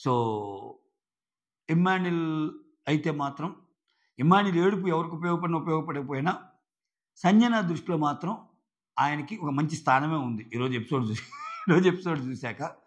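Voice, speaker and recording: A man's voice: a little high, normal speed, pauses often, dull audio. A man giving casual, chatty commentary on a reality show, often acting out the lines he quotes. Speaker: show reviewer.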